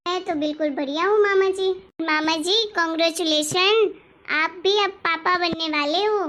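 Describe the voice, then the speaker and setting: Lady voicing bubbly teen niece, agrees with everyone, super high voice, cartoon story. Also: moderate pace, a bit bright. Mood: lively. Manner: eager, agreeable. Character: cheerful teenage niece, loyal to mother.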